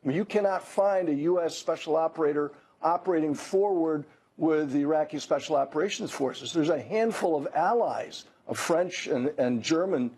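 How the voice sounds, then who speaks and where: A man's voice: fairly high pitch, normal speed, a little mellow, slightly rough, low-quality recording. An older man giving blunt, emphatic commentary as a guest on a news interview, often restarting his words. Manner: blunt, emphatic, self-correcting.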